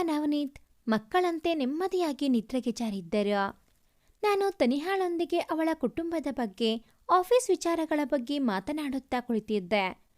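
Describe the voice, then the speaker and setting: A woman narrates a first-person story with an expressive delivery. Her voice sits high and moves a great deal in pitch. She also reads the characters' lines herself.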